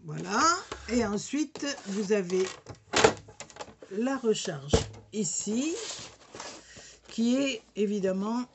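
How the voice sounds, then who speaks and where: Her mid-range voice has lively intonation but a slow pace with frequent pauses, over heavy background noise. She's a woman with a regional French accent demonstrating a sticker machine in a hesitant, casual crafting demo full of fillers and restarts.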